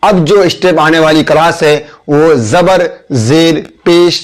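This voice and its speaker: A man talks through an alphabet lesson at a slow, unhurried pace. His voice sits a little high for a man, and he patiently repeats each letter and its sound one after another. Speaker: Urdu teacher.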